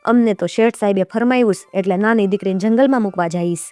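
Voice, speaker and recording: A woman's voice: mid-range voice, fast, darkish tone, no echo, natural voice. Woman voicing plain-spoken palanquin bearers. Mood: matter-of-fact. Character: male palanquin bearers, plain working men.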